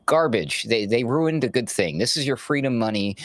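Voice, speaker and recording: A man's voice: medium pitch, expressive, moderate pace, a bit bright, dry recording. A man co-hosting a news talk show, talking in a sarcastic, mocking, rambling way. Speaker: co-host. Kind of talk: sarcastic casual commentary.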